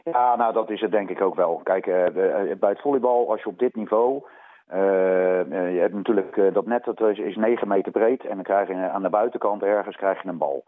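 Male sports coach, deep voice, colloquial and hesitant interview answers, thin band-limited radio line. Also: dry recording, phone-quality sound. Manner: hesitant, halting, colloquial speech with repeated words. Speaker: volleyball coach. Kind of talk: radio interview, unscripted analysis.

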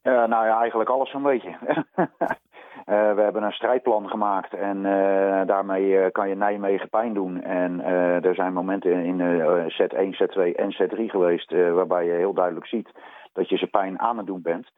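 Male sports coach, deep voice, colloquial and hesitant interview answers, thin band-limited radio line. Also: flat delivery, no echo, phone-quality sound. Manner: hesitant, halting, colloquial speech with repeated words. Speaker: volleyball coach. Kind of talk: radio interview, unscripted analysis.

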